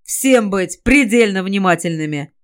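A woman's voice: medium pitch, moderate pace, close to an everyday voice. A woman voicing a grim, stern male squad commander in a fantasy audiobook, speaking gloomily and giving strict orders.

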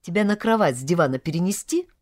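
A gruff but caring young man, voiced by a female reader who speaks low and quietly. The recording is dry and close, with no room sound. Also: lively intonation, fast talker, no echo. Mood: gentle. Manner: lower, soft, gruff. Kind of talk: audiobook character voice.

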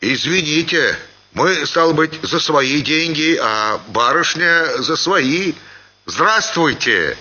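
A man's voice: fairly high pitch, animated, normal speed, hardly any pauses, bright, forceful tone, husky, muffled recording, voice pushed up, full character voice. A man voicing a small, tipsy, pockmarked peasant who apologizes and fawns in a raised voice. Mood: sheepish. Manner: apologetic, fawning.

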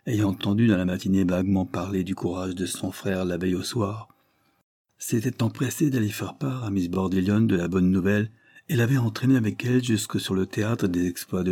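A man narrating a classic novel in a steady, measured audiobook reading. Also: low-pitched.

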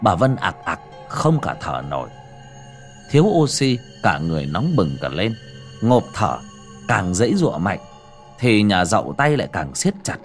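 A man narrating a ghost story in a dramatic, lively storytelling manner. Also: fairly low pitch, moderate pace, faint music behind.

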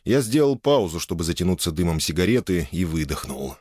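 A man reading a novel aloud as narrator, in a wry, lively manner. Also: low-pitched, a little fast, dry recording, clean studio sound. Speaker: audiobook narrator. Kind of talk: scripted narration.

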